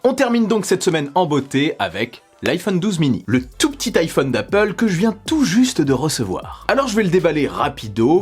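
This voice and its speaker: Tech vlog host, male, slightly high and husky, animated and joking. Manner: playful, jokey asides. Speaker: tech YouTuber. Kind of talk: unboxing vlog.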